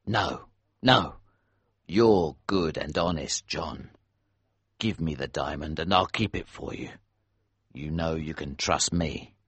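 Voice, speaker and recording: A man playing an older, steady protector with a very deep, husky voice. He speaks slowly and gravely, reassuring the young hero in a storybook reading, with a dry, close sound. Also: dry recording, full character voice.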